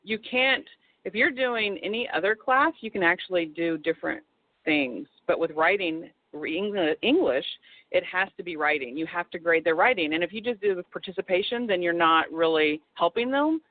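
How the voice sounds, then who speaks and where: A woman's voice: lowish voice, animated, moderate pace. Chatty woman on a tinny phone line. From Texas. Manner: chatty, rambling with many restarts. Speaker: guest author. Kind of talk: casual phone interview.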